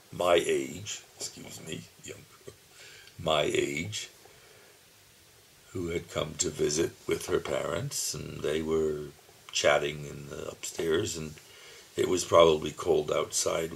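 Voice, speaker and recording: Recording through his computer's camera mic at home, a seventies-aged man reflects slowly on his childhood for a video diary. His voice is extremely low and creaky, though he calls it dull, and he pauses often with quiet chuckles. There is slight background noise.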